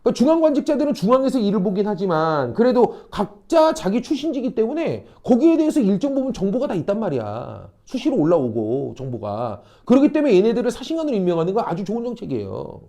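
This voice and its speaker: A man teaching a high-school history class, blunt and teasing, quizzing students and acting out a king's orders. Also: big pitch swings, quick pace, hardly any pauses, dark tone. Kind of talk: classroom lecture.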